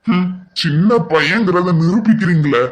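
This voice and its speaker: An arrogant rival businessman in a cartoon, smug and threatening, as a man puts him on. He drags out his words with a slow sneer. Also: high-pitched, background noise.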